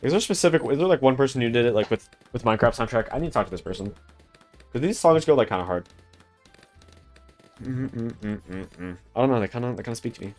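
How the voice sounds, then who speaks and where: A man's voice: medium pitch, animated, quick pace, soft background music. A young man streaming a co-op tower defense game live, chatting loosely with his chat and friends, full of "like" and restarts. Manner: rambling, filler-heavy, talking to chat. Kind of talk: casual live gameplay commentary.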